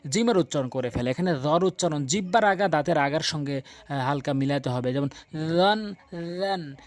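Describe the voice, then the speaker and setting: A man teaching Quran recitation. He repeats drawn-out syllables slowly, then explains quickly. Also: on the high side. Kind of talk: tajweed lesson, drilling letter sounds.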